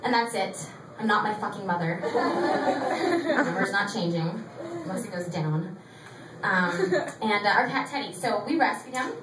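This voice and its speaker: With a medium-pitched, expressive voice and a measured pace, this stand-up comedian, a woman of thirty, mocks herself in a confessional routine full of cursing. The audio comes from a small theatre with audience laughter, recorded far off in a reverberant, noisy space.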